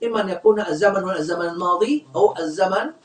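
A man's voice: high-pitched, racing. Male grammar teacher in a classroom, echoey room, mic set far off, quizzes the class as he goes. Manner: quizzes the class, leaves words unfinished for students to complete.

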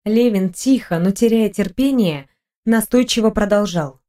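Woman reading an audiobook, even and measured. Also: mid-range voice. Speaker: audiobook narrator. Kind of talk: scripted narration.

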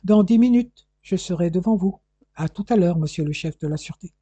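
A reader doing a calm, wary English detective. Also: mid-range voice, breathy edge, no echo, pitched above the performer's own voice, natural voice. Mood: polite. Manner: calm, measured. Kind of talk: audiobook dialogue.

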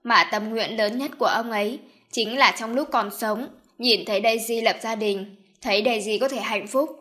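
A woman's voice: a little high, normal speed, bright, forceful tone. A woman voicing a scheming, stubborn middle-aged mother in an audiobook, insistent and commanding. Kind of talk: audiobook character voice.

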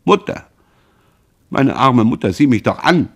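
A man's voice: on the low side, very animated, normal speed, vocal fry, darkish tone, husky, exaggerated voice. Desperate young son, played by a man, pleading and tender, voice leaping upward.

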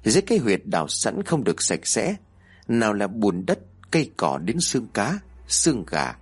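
Male horror narrator, low husky voice, lively pitch. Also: normal speed. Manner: expressive, dramatic storytelling.

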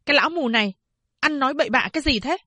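A woman voicing a furious, shrewish woman official who scolds in shrill, rapid accusations. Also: pushed and bright, no room sound.

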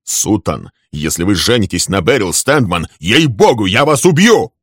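A man voicing a hot-tempered young man who shouts accusations at a rival in a storybook reading. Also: deep voice, animated, normal speed, no room sound, clean studio sound, full character voice. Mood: furious.

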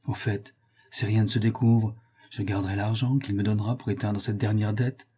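A man's voice: lowish voice, little pitch movement, normal speed, dark tone, slightly rough. A man reading the part of a young viscount who pleads with his father and then schemes aloud. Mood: scheming.

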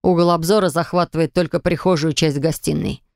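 A domineering husband in an audiobook, stern and unhurried, with a gravelly, low-set voice as a woman narrator puts him on. The sound is close and dry, with no room around it. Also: fairly even intonation, a little mellow, dry recording. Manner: cool, clipped, low and unhurried.

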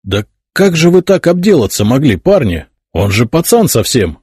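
A man's voice: medium pitch, sing-song, normal speed, a little mellow, husky, no room sound, studio quality, pitched above the performer's own voice. A man voicing a blunt, crude king who grumbles in a folksy way. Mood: grumbling.

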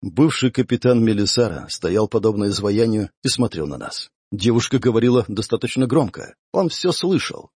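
A man tells a first-person story for an audiobook, reading expressively. His voice is slightly husky and moves a lot in pitch. The recording is dry and close, with no room sound. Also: animated, moderate pace, few pauses, darkish tone, dry recording. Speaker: audiobook narrator.

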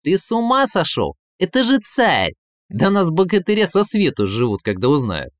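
A man's voice: medium pitch, big pitch swings, unhurried, no room sound, clean studio sound. Man voicing an exasperated young man, blunt, grumbling, storybook.

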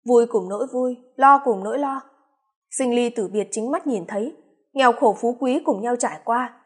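A woman reading the part of a wise older eldest brother, speaking slowly and in measured tones. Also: very high voice, breathy edge. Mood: solemn. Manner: slow, measured lecturing.

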